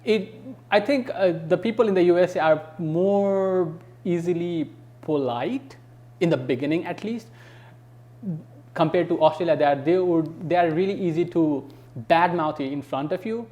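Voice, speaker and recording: A man's voice: fairly high pitch, normal speed, a little mellow, lo-fi sound. Chatty young man. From Nepal. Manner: chatty, loose phrasing with many fillers. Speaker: guest. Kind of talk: casual conversation.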